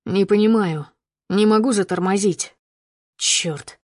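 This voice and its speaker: A woman's voice: mid-range voice, slow pace, darkish tone, no room sound, clean studio sound. A woman reading the part of a stern, suspicious man who questions her coldly in clipped lines. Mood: alarmed. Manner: cold, accusing, clipped questions. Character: stern, suspicious adult man driving a car. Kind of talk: audiobook character reading.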